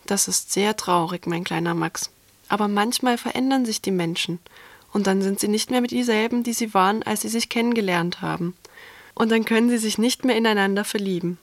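Woman voicing a gentle lonely monster, soft trembling voice, kind and comforting, storybook, dry sound. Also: mid-range voice, brisk, dry recording, lightly acted. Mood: consoling. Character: shy gentle lonely male garden monster. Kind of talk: storybook reading.

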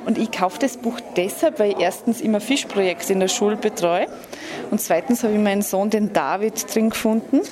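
A woman's voice: mid-range voice, fairly quick, crowd noise. Chatty woman at a crowded book stall. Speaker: bookstall attendant and teacher.

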